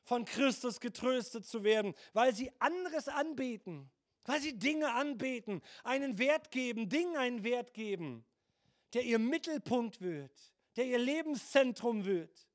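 Older male pastor with a very high voice, emphatic sermon delivery. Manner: emphatic preaching, rhetorical questions, varied pitch and volume.

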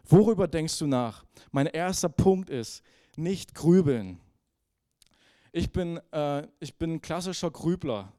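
A man's voice: a little high, a little mellow, clean tone, no echo, clean studio sound. A male pastor giving a conversational, self-reflective sermon, often checking in with the congregation.

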